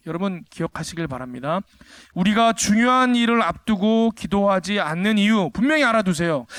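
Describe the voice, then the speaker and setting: A male pastor delivering a sermon with a notably high voice for a man. He preaches emphatically, peppering the congregation with rhetorical questions and climbing sharply when he presses a point. The sound is close and dry, with no room echo. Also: fairly bright tone, clear, resonant tone. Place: church service.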